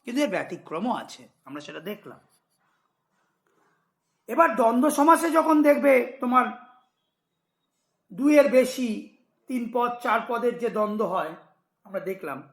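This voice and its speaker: A man's voice: very high voice, very animated, normal speed, long pauses, a bit bright. A man teaching a grammar lesson to school students, explaining patiently, repeating examples and checking if they follow.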